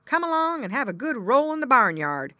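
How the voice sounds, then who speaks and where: A woman voicing a coarse, boastful male pig who talks loudly and insistently in a storybook reading. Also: high voice, very animated, brisk, dry recording, voice pushed up, exaggerated voice. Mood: pushy. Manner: loud, hearty and insistent.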